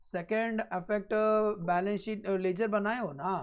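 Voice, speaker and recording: A man teaching an accounting class, repeating each point slowly and often checking that students follow, with blunt joking asides. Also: sits high, fairly even intonation. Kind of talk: classroom lecture.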